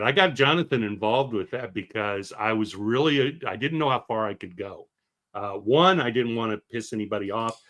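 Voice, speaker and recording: An American man in his fifties, a filmmaker hosting a launch chat, talking haltingly with many fillers and restarts. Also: mid-range voice, sharp tone. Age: 50s. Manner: hesitant, full of fillers and restarts. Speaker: filmmaker and host. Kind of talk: casual chat.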